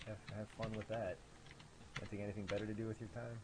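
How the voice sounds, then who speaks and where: A man's voice: fairly low pitch, level tone, quick pace, a little hiss or hum, low-quality recording. A man from the American Midwest with a nasal voice, giving sarcastic, profane, self-deprecating commentary on a game he made. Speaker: game developer. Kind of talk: gameplay commentary.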